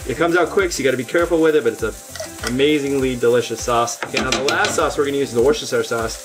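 Speaking at a racing pace in a medium pitch, this cooking show host in his thirties walks through each step earnestly while slipping in deadpan jokes. A lapel mic picks him up in a home kitchen, music playing beneath.

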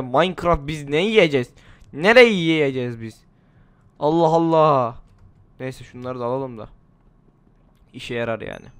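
A man hosts a survival game run, chattering and rambling to himself as he plays. His voice is smooth and clear at a middling pitch, though he sounds a little under the weather. The close mic makes it dry and intimate. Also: a bit bright, no echo. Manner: chatty, rambling, talks to himself while playing. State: slightly ill. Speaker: gaming channel host. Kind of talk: casual gameplay commentary.

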